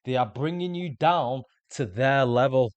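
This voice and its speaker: A man's voice: medium pitch, unhurried, dry recording, highs cut off. A man, earnestly explaining self-improvement ideas in a scripted motivational monologue. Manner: earnest, explanatory, repeats words when restarting. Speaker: self-improvement video host.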